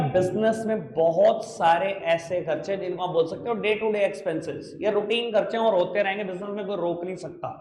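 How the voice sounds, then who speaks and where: High-voiced, playful male accounts teacher. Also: darkish tone. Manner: playful, coaxing, calls students affectionate nicknames. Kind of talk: classroom lecture. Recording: echoey room with faint noise.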